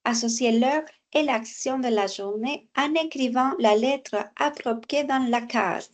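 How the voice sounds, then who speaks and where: A woman teaching French at an unhurried, deliberate pace. She explains exercises patiently, repeats each phrase and now and then slips into for her students. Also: high voice. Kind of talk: online language lesson, explaining exercises.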